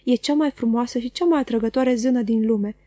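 Woman voicing a smooth, mocking young gentleman. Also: a little high, no echo, natural voice. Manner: smooth, mocking, self-assured. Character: suave, confident young gentleman.

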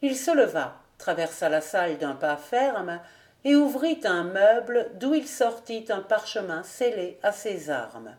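A woman narrating a classic novel as an audiobook reader, measured and deliberate. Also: medium pitch, very animated, darkish tone. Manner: slow, measured reading. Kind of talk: scripted narration.

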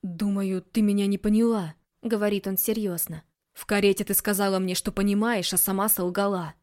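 A woman's voice: medium pitch, fairly even intonation, brisk, a little mellow, close to an everyday voice. A woman reading a young man in an audiobook, serious and guarded, with a mid-range voice that flares when pushed. The delivery is earnest and grounded. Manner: serious, heated outbursts.

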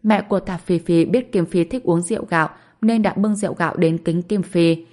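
A woman narrating an audiobook in a steady, even storytelling manner. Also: on the low side, fairly quick.

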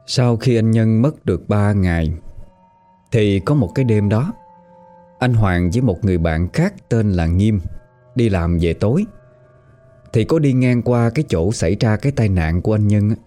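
Lively low-voiced Southern Vietnamese storyteller. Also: male voice, moderate pace, soft background music. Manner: lively, conversational. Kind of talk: spoken storytelling.

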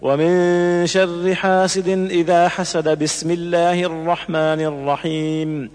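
A man reciting Quranic verses slowly in a melodic chant, drawing out the vowels, as examples in a lesson. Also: high-pitched, level tone, a little mellow, clean tone, big-room sound.

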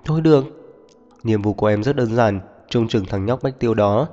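A man voicing a calm, self-assured young man. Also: on the low side, moderate pace, close to an everyday voice. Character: confident young man, composed lover. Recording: muffled reverberant audio, faint music.

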